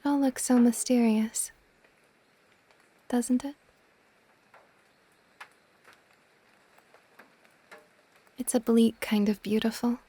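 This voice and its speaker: Speaking in a husky, slightly high voice with a dreamy, calm mood, a woman portrays a possessive but tender ancient water dragon goddess. It's a soft, intimate ASMR romance roleplay, and she frequently eases into a whisper.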